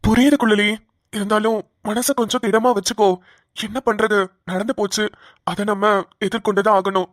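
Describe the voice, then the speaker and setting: A woman voicing a kind young man who gently comforts his family in a cartoon. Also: mid-range voice, steady tone, normal speed, dry recording, clean studio sound, lightly acted. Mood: comforting.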